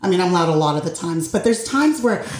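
A woman's voice: on the low side, fast talker. Earnest woman in an echoey room. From Puerto Rico. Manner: earnest, expressive, acts out quoted voices. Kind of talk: candid group conversation.

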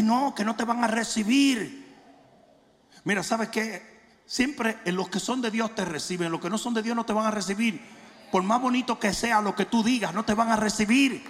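Pastor guy preaching loud, high gravelly voice, big church hall echo. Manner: challenging, confrontational preaching with humor; shouts for emphasis, slows on key phrases. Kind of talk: sermon. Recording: long hall reverb.

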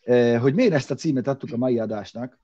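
Dark-voiced rambling man on lo-fi audio. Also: medium pitch. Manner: rambling, filler-heavy, many restarts. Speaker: podcast co-host. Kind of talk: casual car-show chat. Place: separate room from co-hosts.

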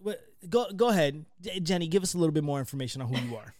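Late-twenties man as podcast host, high-ish voice, dry close sound, teasing and playful. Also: racing, no echo. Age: 20s. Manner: joking, teasing, animated. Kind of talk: casual chat.

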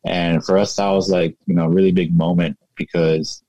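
A man in his thirties, raised in the United States, talking casually as a guest in an interview, relaxed and reflective with lots of "you know". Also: deep voice, moderate pace, no echo, muffled recording. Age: 30s. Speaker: guest, fashion entrepreneur.

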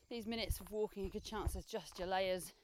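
A woman talking while jogging and walking briskly outdoors, giving chatty, encouraging coaching as a running podcast host. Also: medium pitch, darkish tone. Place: outdoors on hilly paths and forest. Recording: faint outdoor noise and birdsong. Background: outdoor noise, birdsong.

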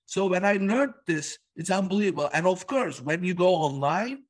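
A man from Turkey talks business in a casual conversation, hammering his points home by repeating words. His voice sits a little high for a man. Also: expressive, normal speed. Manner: emphatic, repeats key words.

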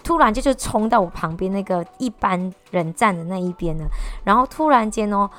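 A woman telling a personal story to camera in a casual, animated way, often restarting and repeating words. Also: mid-range voice, fairly quick. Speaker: vlogger.

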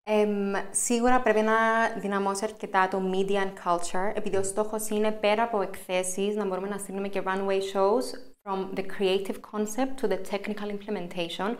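A woman's voice: mid-range voice, steady tone, hardly any pauses. A woman with a Cypriot Greek accent giving conversational interview answers, switching into English phrases as she goes. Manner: mixes English phrases into speech. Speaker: interview guest, company founder.

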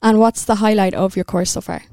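A woman's voice: medium pitch, steady tone, fairly quick, a little mellow, no room sound, studio quality. A young woman with an Irish accent, hosting a podcast and asking questions in a casual interview style. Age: young adult. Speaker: podcast host.

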